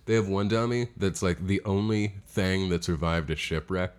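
A man's voice: deep voice, steady tone, moderate pace, smooth. A man co-hosting a podcast in casual chat, telling stories, laughing easily and swearing. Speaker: podcast co-host.

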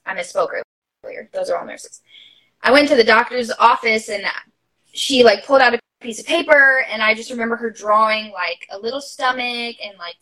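A woman's voice: on the high side, sharp tone, rough recording. A young mother talking openly and casually as a podcast guest, with many fillers and laughter in her talk. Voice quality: chatty, many fillers and asides. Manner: open and heartfelt, laughs while talking. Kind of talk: casual interview storytelling.

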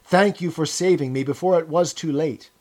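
A man's voice: on the high side, normal speed, darkish tone, pitched above the performer's own voice, lightly acted. A man voicing an anxious, servile middle-aged prisoner who pleads eagerly in a chummy, sanctimonious way for an audiobook. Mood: sanctimonious, grateful. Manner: pleading, chummy, sanctimonious, chatty old-fashioned British idiom.

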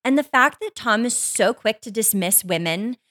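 A woman's voice: on the high side, expressive, moderate pace, a bit bright. A woman co-hosting a podcast in casual chat, emphatic and opinionated, swearing freely. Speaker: podcast co-host.

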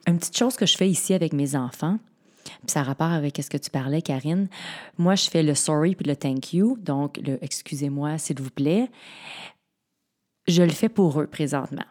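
A woman's voice: sits low, moderate pace, a little mellow. A woman with a Québécois French accent, a mother and co-host, sharing personal family anecdotes in casual chat, with frequent fillers.

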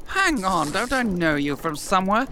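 A man acts out a pompous supervillain who is petty and easily flustered. His comedy sketch delivery is theatrical and bright, with lively pitch and faint noise behind. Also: moderate pace, heavily acted. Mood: indignant. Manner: theatrical, flustered, stammering when challenged. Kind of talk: audio comedy sketch acting.

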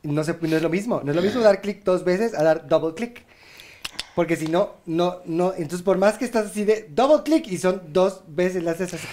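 A woman's voice: on the low side, moderate pace, mellow, slight background noise. A woman co-hosting a casual comedy chat, playfully acting out sounds as she jokes. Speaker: co-host.

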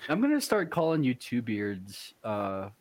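A man's voice: medium pitch, wildly swooping pitch, measured pace, no room sound. A man playing a tabletop game, joking and playful. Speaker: player. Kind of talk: casual tabletop game play.

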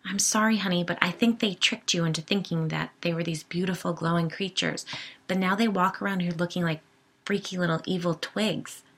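A woman reading the part of a worried, exasperated husband in an audiobook, her voice gravelly and bright. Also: lowish voice, steady tone, brisk. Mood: coaxing. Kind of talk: audiobook character voice.

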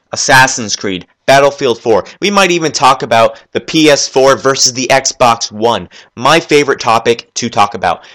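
Fast-talking rambling male podcast host. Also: mid-range voice, a bit bright. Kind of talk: solo gaming podcast chat. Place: at his computer, working while talking.

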